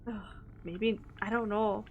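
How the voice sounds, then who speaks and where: A woman's voice: medium pitch, fairly even intonation, slow pace, highs cut off, slight background noise. A young woman streaming a horror game, thinking aloud in casual commentary with lots of fillers and hesitations.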